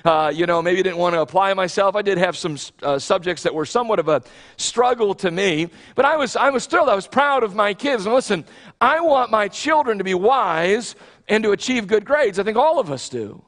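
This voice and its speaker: Earnest American pastor, high voice, church reverb. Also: male voice, animated, brisk, a bit bright. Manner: earnest, restarts phrases, emphatic swells. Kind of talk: sermon. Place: large church sanctuary, on the platform.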